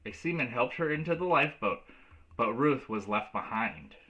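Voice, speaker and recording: A man reading a children's storybook aloud as a teacher, in a clear storytelling delivery. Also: mid-range voice, animated, normal speed, pushed and bright, slight background noise, rough recording.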